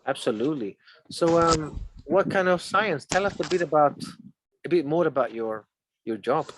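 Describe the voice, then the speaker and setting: A Chilean man with a Chilean accent speaks in a slightly high voice with lively intonation at a normal pace, with background noise behind him. A native Spanish speaker who teaches English, he interviews conversationally and explains things step by step using examples.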